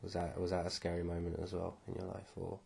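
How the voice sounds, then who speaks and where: A man's voice: low voice, completely flat delivery, quick pace, creaky, darkish tone, slightly rough. A man interviewing someone in a casual, informal way.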